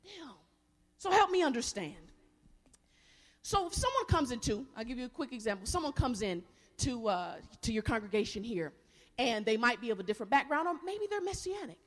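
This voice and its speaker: Lively high-voiced woman preaching. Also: brisk. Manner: animated storytelling, acts out quoted voices. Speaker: guest preacher. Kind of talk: lively sermon with audience call-and-response. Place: large worship hall. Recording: echoey hall.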